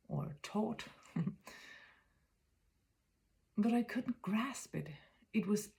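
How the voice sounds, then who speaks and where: In a voice on the low side and creaky, a Danish woman in her fifties speaks with a Danish accent. It's a contemplative spiritual monologue, gentle and often whispery, with pauses as she tries to find her words.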